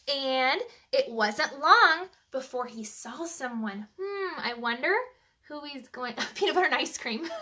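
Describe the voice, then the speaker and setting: With a high-sitting voice, a woman reads a bedtime story to kids, sounding lively and talkative. She stops at points to ask the listeners questions.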